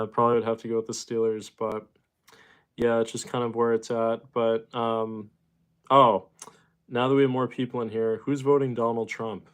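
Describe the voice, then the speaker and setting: A man's voice: mid-range voice, clean tone. A young man from Boston hosting a casual livestream, greeting chatters and rambling with lots of fillers. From Boston, Massachusetts. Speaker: livestream host. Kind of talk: casual livestream chat reading viewer comments.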